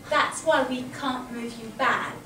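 A woman's voice: sits high, steady tone, unhurried. A woman playing an awkward, patient, anxious grown daughter, hesitant and stammering in a staged play reading. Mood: gentle, hesitant. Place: small indoor stage. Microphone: far camera. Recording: echoey small theatre, distant mic, noisy.

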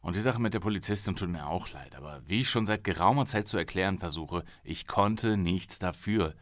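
A man's voice: low voice, brisk, dry recording, studio quality, close to an everyday voice. A man as an irritated, weary arrested journalist. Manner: irritated, defensive. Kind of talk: audiobook reading.

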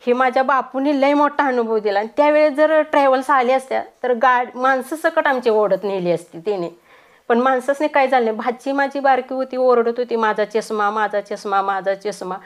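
A middle-aged woman telling a personal devotional testimony, plain storytelling with pauses and restarts. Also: high-pitched.

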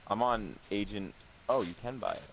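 A man's voice: lowish voice, sing-song, normal speed, creaky. Goofy young man on voice chat. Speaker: friend on voice chat. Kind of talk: casual gaming chat. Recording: faint background noise.

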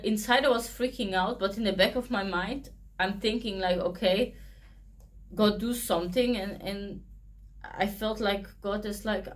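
A young woman, a channel host, reads Bible verses and then shares a personal testimony in an earnest, conversational way, halting often with fillers. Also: medium pitch. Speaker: channel host sharing faith.

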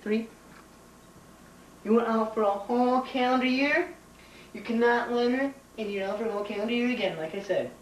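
A young man doing a teacher impression of a blustering high school athletic director, blunt, emphatic and repetitive, in an amateur comedy skit. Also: recorded from a distance. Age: young adult. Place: home kitchen. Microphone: camcorder a few feet away. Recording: noisy, roomy home camcorder audio.

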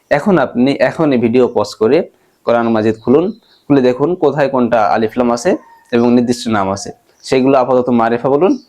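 A man's voice: mid-range voice, darkish tone. A man teaching Arabic grammar in an online lecture. He asks his listeners questions and answers them himself, walking through everyday examples. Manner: slows down and gives everyday examples.

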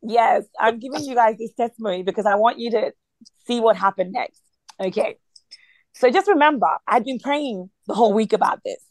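A woman's voice: fairly high pitch, moderate pace, darkish tone, dry recording. A woman leading a prayer meeting by phone, talking in an earnest, conversational way with many fillers. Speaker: prayer line leader.

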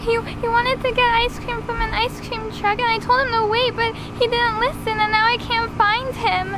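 Young woman, very high voice, little pitch movement, short hesitant replies, outdoors, slightly off-mic. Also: little pitch movement, moderate pace, rough recording. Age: young adult. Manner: gives short hesitant answers. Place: backyard lawn outdoors.

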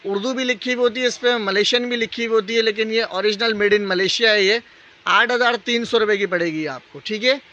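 A man with a Pakistani accent giving a casual, unscripted live sales pitch as a shop salesman, repeating prices and tag phrases. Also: brisk, bright, forceful tone. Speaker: shop salesman hosting a live sale video. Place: indoor appliance store, walking the aisles. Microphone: handheld phone. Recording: dull lo-fi phone audio, shop noise.

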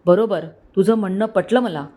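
A woman's voice: medium pitch, normal speed, warm tone, lightly acted. Abir, a woman doing a curt young man. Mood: decisive. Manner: curt, blunt. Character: irritable young man, jolted awake.

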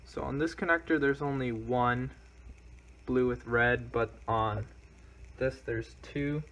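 A young man casually narrating a car repair as he works, chatty and thinking out loud. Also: medium pitch, slow pace, rough recording. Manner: relaxed, chatty, thinking aloud while working. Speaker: car DIY video maker.

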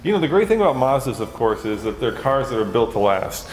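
A middle-aged host chats quickly and easily with his guest. His pitch is unremarkable, right in the middle. The underground garage makes the sound roomy and leaves a long echo behind him. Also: sing-song. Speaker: car show host. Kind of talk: casual chat. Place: large underground parking garage.

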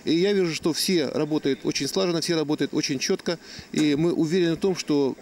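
A man's voice: fairly high pitch, a little fast, darkish tone, a little hiss or hum. A man in his fifties, an official, giving a formal news interview outdoors. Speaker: district official. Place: outdoors in snowy yard by a building. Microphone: handheld reporter microphone.

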